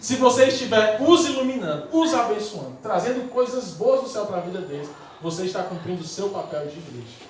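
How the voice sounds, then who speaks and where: High-voiced preacher in echoing church. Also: male voice, lively intonation, brisk, few pauses. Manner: emphatic, repetitive rhetorical preaching. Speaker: pastor. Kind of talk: sermon. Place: church sanctuary. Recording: very echoey church hall from far off, faint noise.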